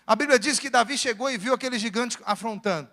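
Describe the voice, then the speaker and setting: A man's voice: very high voice, quick pace, pushed and bright. A man with a Brazilian Portuguese accent preaching a sermon as pastor, building to fervent emphasis. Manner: preaching with rising fervor. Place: church sanctuary. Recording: long church hall reverb.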